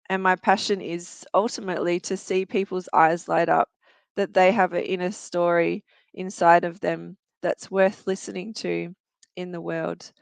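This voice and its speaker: Fairly low in pitch and gravelly, her voice comes through clean with no echo. She's an Australian woman in her forties, a youth worker and researcher appearing as a talk-show guest, sharing her own story in an earnest, reflective manner with the odd filler.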